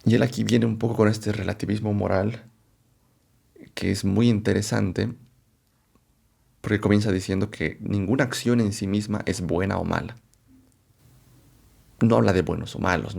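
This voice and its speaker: A man presenting a philosophy lecture, unhurried and thinking aloud, often checking in with rhetorical questions and correcting himself as he goes. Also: fairly low pitch, vocal fry, darkish tone, slightly rough. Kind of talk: explanatory lecture to camera.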